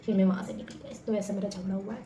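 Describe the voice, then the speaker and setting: Fast-talking young woman vlogger, echoey room. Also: mid-range voice, a little hiss or hum. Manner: chatty, animated, addresses viewers as guys. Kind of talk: casual storytelling to camera.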